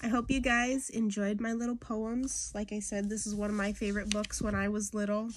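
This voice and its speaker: Reading children's poems to kids in a small room, this young woman takes a casual storyteller approach. She speaks a little fast at a medium pitch with a level tone, and there's slight background noise.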